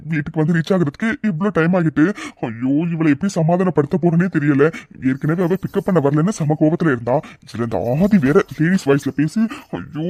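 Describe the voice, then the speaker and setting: A man's voice: a little high, dark tone, dry recording, natural voice. A man voicing a nervous young husband muttering to himself in a cartoon. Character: nervous young husband fearing his angry wife. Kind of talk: cartoon voice acting.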